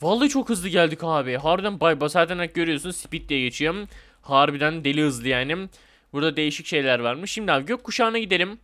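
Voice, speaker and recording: A young man giving casual, excitable commentary while playing a game, chatty, with bursts of laughter and yelps. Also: a little high, quick pace. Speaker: gaming YouTuber. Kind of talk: casual Roblox let's play commentary.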